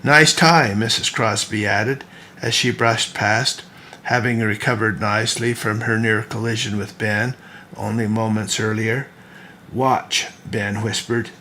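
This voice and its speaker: A man, the author, reading his own novel aloud as storybook narration at an unhurried, gentle pace. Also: on the low side, level tone, a little hiss or hum.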